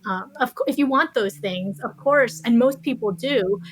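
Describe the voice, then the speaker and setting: In a thoughtful interview, a woman appears as a podcast guest and author, giving reflective, explanatory answers and often slipping in "you know." Her voice is fairly high and her pace normal, and the poor-quality audio carries slight background noise.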